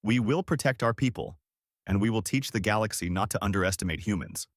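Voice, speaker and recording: Decisive male starship commander, read by a man, steady and focused. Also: lowish voice, brisk, dry recording, studio quality, close to an everyday voice. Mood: determined. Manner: calm, firm, decisive.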